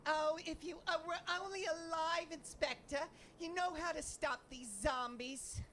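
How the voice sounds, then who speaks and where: Woman doing a bright, earnest young would-be inspector. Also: very high voice, fairly even intonation, measured pace, slight background noise. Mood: theatrical. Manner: theatrical, dramatic sighs and sobs. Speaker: fan voice actor. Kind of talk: fan dub of game dialogue. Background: game music.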